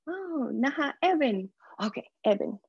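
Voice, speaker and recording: An American woman with an American English accent, a podcast guest, tells her story in a casual interview with lively energy, acting out quoted voices and dropping English words into her Spanish. Her voice is high, slow, creaky and slightly rough, and the audio is dull with no echo.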